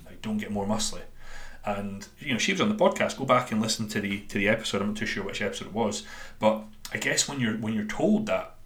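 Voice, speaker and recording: Scottish guy w dundee accent, lowish voice, rambly casual podcast coach chat, echoey room. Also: fairly bright tone. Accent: Dundonian Scottish. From Scotland. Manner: informal, rambling, self-deprecating. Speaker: podcast host and bodybuilding coach. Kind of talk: casual solo podcast talk. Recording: roomy, echoey sound.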